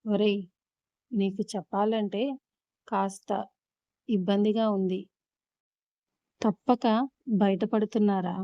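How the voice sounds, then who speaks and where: A woman's voice: medium pitch, little pitch movement, slow pace, pauses often, dry recording, lo-fi sound, natural voice. A woman voicing a coaxing older sister. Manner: coaxing, hushed.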